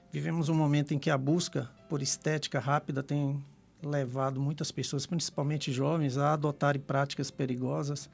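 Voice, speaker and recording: A man's voice: on the high side, gravelly, a little mellow. A man from Bahia hosting a live radio podcast, reading a formal introduction and interviewing a guest. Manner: formal, reads a prepared introduction.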